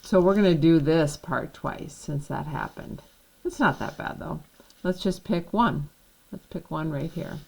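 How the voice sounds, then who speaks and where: A woman's voice: low-pitched, measured pace, creaky, darkish tone, low-quality recording. A woman teaching a math lesson, patiently walking through each step and checking in with the class.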